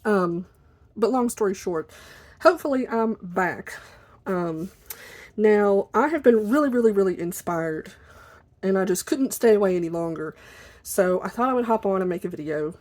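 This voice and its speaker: A woman chatting casually and informally at her desk for a video, in an apologetic, rambling way, with a squeaky chair that may creak behind her. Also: expressive, normal speed, darkish tone. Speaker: video blogger. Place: at a desk indoors.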